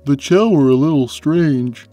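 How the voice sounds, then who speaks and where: A woman voicing a big, gentle, innocent male cat in a cartoon, simple and mild in manner. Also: low voice, unhurried, dry recording, faint music behind. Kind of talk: in-character cartoon Q&A.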